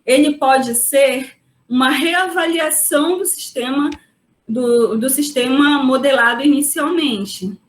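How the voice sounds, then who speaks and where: A woman's voice: sits high, slow pace. Woman lecturing in an echoey room. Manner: explanatory, frequent "né?" tag questions. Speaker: geologist lecturer. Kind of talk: webinar lecture. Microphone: video call.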